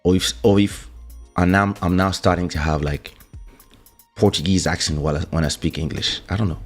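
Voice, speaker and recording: With soft music in the background, this low-voiced man talks a little fast in a fairly even tone. He's a musician from France with a French accent, casually hosting a livestream at home in Portugal and greeting viewers with fillers and restarts. He uses a studio desk mic.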